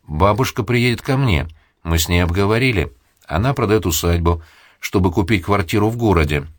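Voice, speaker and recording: A man's voice: low voice, lively intonation, fairly quick, dry recording, clean studio sound. A man voicing a proud, defiant young woman who talks coldly. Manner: cold, defiant.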